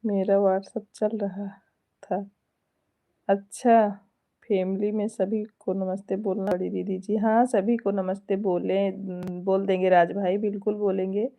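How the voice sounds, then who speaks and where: On a casual live stream, a folk singer from India's Awadh region reads out viewer comments, chuckles often and trades devotional greetings, speaking Hindi with an Awadhi tinge. Her medium-pitched voice is dark in tone, level and measured in pace.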